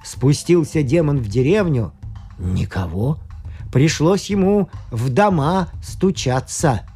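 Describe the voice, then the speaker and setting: A man narrating a folk tale in a slow, expressive telling. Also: fairly high pitch. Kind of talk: storybook narration. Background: faint music.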